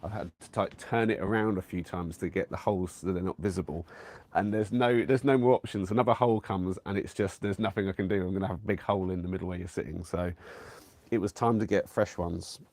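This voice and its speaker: Talking fast in a low-pitched voice with fairly even intonation, a man live-streams casually from his camper van, a little congested with a cold. He's warm toward viewers and rambles along with many fillers and restarts. The audio has no echo.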